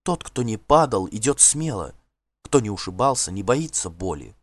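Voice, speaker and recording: A man's voice: on the low side, big pitch swings, moderate pace, dry recording. A man voicing a dazed, eerie old seeress. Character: trance-dazed seeress woman, eerie, cryptic.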